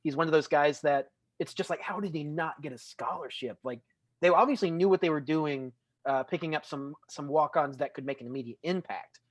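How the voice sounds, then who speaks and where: A man's voice: on the high side, brisk, no room sound. A man co-hosting a casual college football podcast, rambling and stumbling over words with a dry sense of humor. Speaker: co-host. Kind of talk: casual sports podcast chat.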